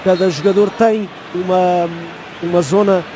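A man with a European Portuguese accent giving analytical football co-commentary, explaining in halting phrases. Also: sits high, steady tone. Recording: clear outdoor stadium noise behind.

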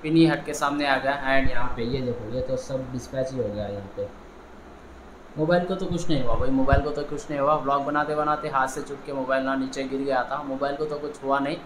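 This man's mid-range voice moves fairly quickly over a noisy background as he vlogs casually from a rooftop using his phone. His talk is rambling and repetitive, and he keeps addressing the audience as "bhai," meaning brother.

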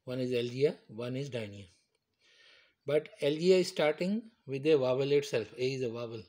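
Man slowly explaining medical terms. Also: mid-range voice, darkish tone. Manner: slow, repetitive, explains step by step. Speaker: teacher. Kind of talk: medical terminology lecture.

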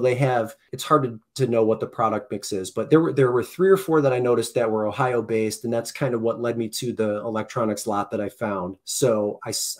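A man in his thirties with a medium-pitched voice joins a podcast as a guest, chatting casually over a video call from a home room with posters. He uses a headset and desk mic and rambles, often restarting and correcting himself.

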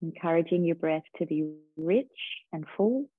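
A woman teacher slowly guiding a breathing and body-awareness meditation in a calm, soothing way. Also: deep voice, husky, no room sound. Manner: slow, calm, soothing guidance. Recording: tinny phone-like sound.

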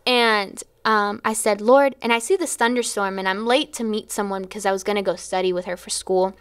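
A woman's voice: medium pitch, steady tone, a little fast, clear, resonant tone, no echo. A woman in her twenties, a missionary guest, telling a personal story in an earnest, chatty way with frequent laughs and fillers. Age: 20s.

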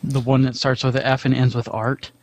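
A man co-hosting a casual comedic chat, playful and quick to giggle. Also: medium pitch, little pitch movement, a little mellow. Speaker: co-host.

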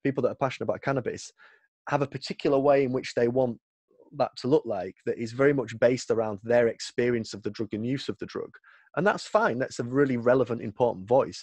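A man's voice: medium pitch, a little mellow, dry recording. A man with a Northern English accent, a guest in a podcast interview, talking casually and restarting his sentences often. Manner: halting, repeats words, restarts often. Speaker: guest, policy advocate.

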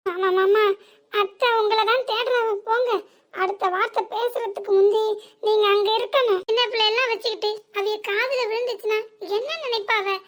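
A crafty young daughter-in-law in a village cartoon comedy, speaking with a southern Tamil accent. She coaxes and fakes concern in a pleading tone. Her voice is pitched extremely high. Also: fairly even intonation, moderate pace, fairly bright tone. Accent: southern Tamil, Tirunelveli area. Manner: wheedling, fake-pleading.

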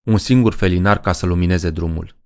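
A man reading a horror story aloud as an audiobook narrator, in a measured, deliberate way. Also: sits low, a little mellow, clean tone, no echo.

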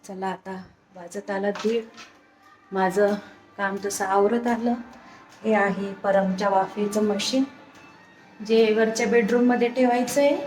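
A young woman chatting casually to viewers of her home vlog, recorded on a hand-held phone, sometimes coaxing her child in a sing-song voice. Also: mid-range voice. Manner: chatty, talks straight to viewers. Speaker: home vlogger. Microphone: phone camera held in hand.

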